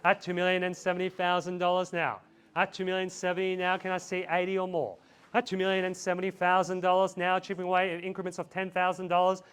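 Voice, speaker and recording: A man's voice: high voice, monotone, fast talker, fairly bright tone, smooth. A man calling a live property auction outdoors, repeating bid figures in a chant and urging buyers on. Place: outdoors in a residential street.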